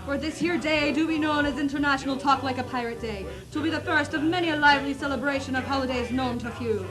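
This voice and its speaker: A woman's voice: sits high, fast talker. A young woman reading a school announcement in hammy mock pirate talk. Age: teens to young adult. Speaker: student announcer. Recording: music playing under the voice.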